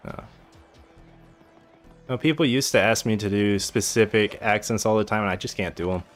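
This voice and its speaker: A man streaming a video game, chatting in a relaxed, rambling, self-deprecating way. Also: lowish voice, normal speed, soft background music. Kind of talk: casual gameplay commentary.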